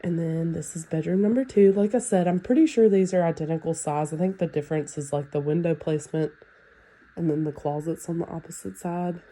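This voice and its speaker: With a fairly low pitch and a slightly quick delivery, a real estate agent chats her way through a casual home tour. Her voice is nasal and blocked up from a sinus infection. She sounds relaxed, sprinkling in fillers such as "like" and "um".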